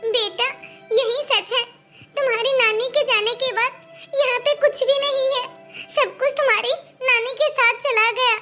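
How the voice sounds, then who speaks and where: Cartoon mom, gentle and hurt, high bright voice, played by a woman. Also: steady tone, unhurried, faint music behind, heavily acted. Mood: sad. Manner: pleading, soft-spoken. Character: hurt, gentle mother defending her daughter. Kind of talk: cartoon voice acting.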